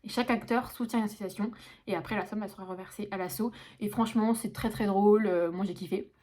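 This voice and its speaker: A woman's voice: medium pitch, steady tone, quick pace, a little mellow. A young woman chatting casually to camera in a vlog, slangy and full of fillers. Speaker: vlogger.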